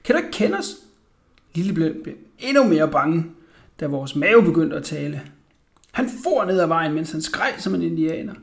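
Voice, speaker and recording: A man narrating a children's audiobook with a lively, expressive reading. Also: a little high, creaky. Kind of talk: audiobook storytelling.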